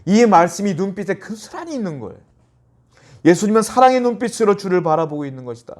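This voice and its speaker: Korean pastor preaching a midweek sermon. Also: male voice, sing-song, fast. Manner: acts out quoted lines in a softer, lower voice. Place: church.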